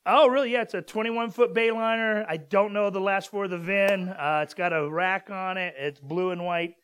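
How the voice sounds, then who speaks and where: A pastor from Southern California, a man in his forties with a fairly high voice, preaches in a loose, chatty way. He wanders through his points with plenty of ums and false starts. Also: fairly even intonation, moderate pace, a bit bright, clean tone. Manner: rambling storyteller with many fillers and restarts. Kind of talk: casual conversational sermon.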